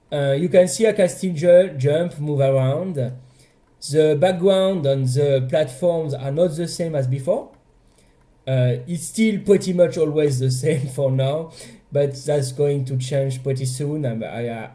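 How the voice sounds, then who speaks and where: A young French indie game developer casually walks through his game's progress in a devlog, speaking with a French accent. He's chatty but hesitant, frequently correcting himself, in a mellow, slightly high voice.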